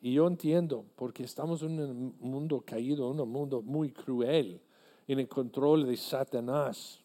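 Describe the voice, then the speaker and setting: Slow, mellow-voiced male preacher. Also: medium pitch. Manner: earnest, deliberate preaching with halting restarts. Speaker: pastor. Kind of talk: sermon.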